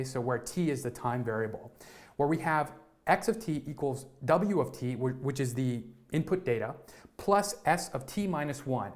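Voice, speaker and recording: A man in his twenties giving an energetic live-streamed tech lesson, often repeating words and checking in with "right?" and "okay?". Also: medium pitch. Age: 20s.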